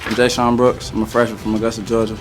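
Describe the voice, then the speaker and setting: A young college basketball player giving a brisk self-introduction. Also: male voice, fairly low pitch, little pitch movement, music in the background. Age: young adult.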